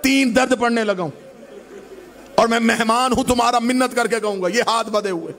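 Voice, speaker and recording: A man preaching a mourning sermon with passion, often breaking into a chanted sing-song and rising to loud cries. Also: very high-pitched, steady tone, a little fast. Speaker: Shia majlis orator.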